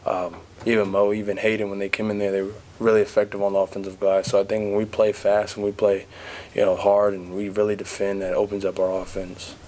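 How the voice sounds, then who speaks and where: A young man, a college basketball player, giving measured, steady answers at a postgame press conference, seated at a table mic. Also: lowish voice, slight background noise. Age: young adult. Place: press conference room in front of a backdrop.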